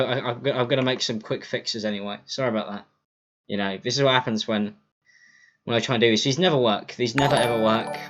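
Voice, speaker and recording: A man talks loosely to his stream through a cheap lo-fi mic that dulls his voice. He rambles, stumbles, and keeps apologizing. Faint music plays underneath. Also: mid-range voice. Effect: lo-fi livestream mic audio. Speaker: livestreamer. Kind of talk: casual livestream chat. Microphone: cheap computer mic for streaming.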